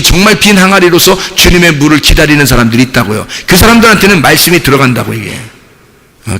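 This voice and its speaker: Animated gravelly male pastor in reverberant hall. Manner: animated storytelling, dropping low and soft for quoted prayers and God's answers. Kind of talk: sermon. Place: church sanctuary.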